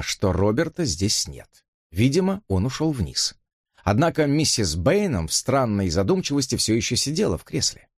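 A male narrator reading a novel aloud with a lively, widely moving voice at an ordinary middle pitch. The recording is close and dry. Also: dry recording. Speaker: audiobook narrator. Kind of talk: scripted narration.

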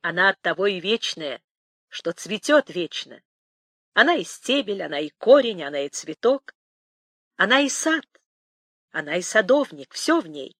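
A woman voicing an old village nanny, tender yet sly, crooning and lamenting in a lively, singsong way. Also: lowish voice, measured pace, pauses often, dry recording, clean studio sound, exaggerated voice. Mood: coaxing. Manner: crooning, lamenting, shifting to hushed whispers.

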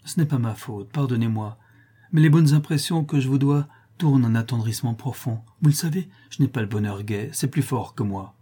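Soft, hesitant young prisoner, sad and grateful, husky mellow voice, read by a man. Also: mid-range voice, brisk, lightly acted. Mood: tender. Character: gentle melancholy young male prisoner.

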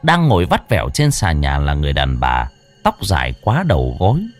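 A man's voice: a bass voice, wildly swooping pitch, fairly quick. A man narrating a ghost story in a dramatic, scripted way. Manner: dramatic, swooping storytelling delivery. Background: faint background music.

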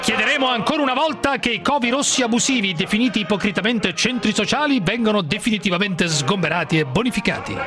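A man's voice: sits high, animated, fast talker, few pauses, music in the background. A male radio host reading a listener's message aloud as a pompous announcer of an old newsreel, in a solemn, declaiming tone. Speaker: radio talk show host.

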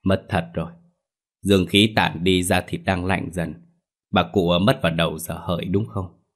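Grave old ritual master, deep and stern, narrator guy doing him, ghost story. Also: a bit bright. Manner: stern, grave, low and measured.

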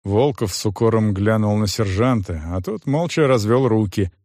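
A man narrating an audiobook in a slow, lively storytelling manner. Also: fairly low pitch, no echo, clean studio sound. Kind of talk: audiobook reading.

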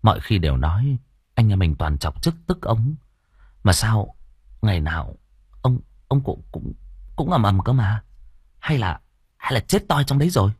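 A man voicing a mischievous young male disciple who talks in a low, teasing way. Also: sing-song, moderate pace, pauses often, darkish tone, slightly rough, no room sound, clean studio sound.

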